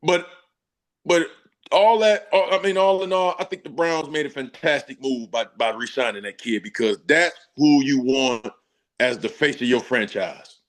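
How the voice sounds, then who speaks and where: A man's voice: mid-range voice, normal speed. A man guesting on a sports talk show, a former football player speaking in emphatic, slangy casual chat with laughing asides.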